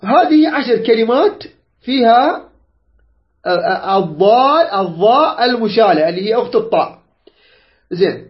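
A man's voice: very high-pitched, big pitch swings, moderate pace, long pauses. A man teaching a tajweed lesson, repeating points, quizzing students and stretching out example words. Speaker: Quran recitation teacher. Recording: dull lo-fi recording.

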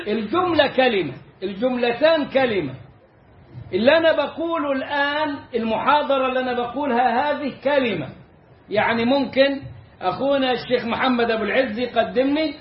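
A man with an Egyptian accent teaching recitation rules, slowly drawing out example words as he explains. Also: very high voice, slight background noise. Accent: Egyptian Arabic. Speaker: Islamic teacher. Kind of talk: lecture on Quran recitation rules. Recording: echoey, slightly dull room recording.

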